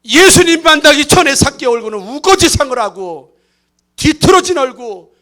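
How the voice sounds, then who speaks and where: High-voiced, animated Korean pastor preaching. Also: male voice, normal speed. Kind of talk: lively Easter sermon with acted asides. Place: church sanctuary.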